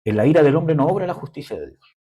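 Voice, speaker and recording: A young man preaching a sermon in a conversational way, often pausing with fillers. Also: fairly high pitch, expressive, mellow, slightly rough. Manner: conversational preaching, frequent "¿cómo se llama?" fillers.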